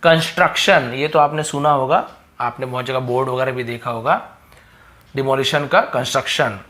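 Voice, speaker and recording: A man's voice: mid-range voice, normal speed, bright, forceful tone. A man hosting his own channel, teaching English opposite words in a patient explaining style, repeating each word and asking rhetorical questions. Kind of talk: explaining a vocabulary lesson.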